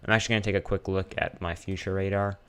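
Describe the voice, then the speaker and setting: Guy doing a casual weather livestream, lowish clear voice, kinda hesitant, thinks out loud. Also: level tone, quick pace. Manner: informal, hesitant, thinking aloud while checking screen. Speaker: live streamer. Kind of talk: casual live weather commentary.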